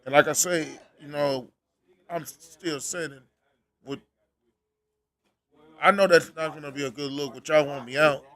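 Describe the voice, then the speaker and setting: A man, a guest on the podcast, asking his questions in a halting, hesitant way from a distance to the mic. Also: fairly high pitch, steady tone, pushed and bright.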